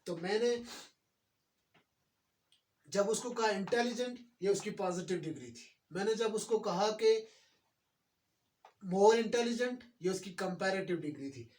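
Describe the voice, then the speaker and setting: A man teaching a grammar lesson, explaining slowly and repeating words. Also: high voice, lively intonation, darkish tone, distant mic.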